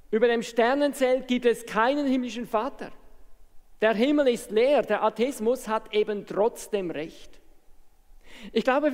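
A man preaching an impassioned evening sermon who raises his voice to make his points. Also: extremely high pitch. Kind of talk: evangelistic sermon. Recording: reverberant hall.

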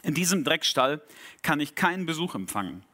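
A man's voice: a little high, sing-song, fairly quick, pushed and bright, full character voice. A man voicing a frantic man who panics about his messy house and begs for help, in a told story. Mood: alarmed. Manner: agitated, pleading.

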